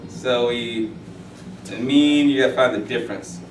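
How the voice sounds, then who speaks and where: A man's voice: mid-range voice, fairly even intonation, measured pace, background noise. A man in his forties teaching a math class, rambling and joking with stories between the steps. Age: 40s. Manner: rambling, jokey, with asides and stories. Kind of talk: classroom lecture. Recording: echoey room, from far off.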